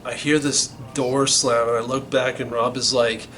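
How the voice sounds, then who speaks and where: A middle-aged man tells the story of his band's origins in a loose, rambling way full of swearing and restarts, with music in the background. His mid-range voice is bright and forceful with little pitch movement at a moderate pace, on a rough recording with slight background noise.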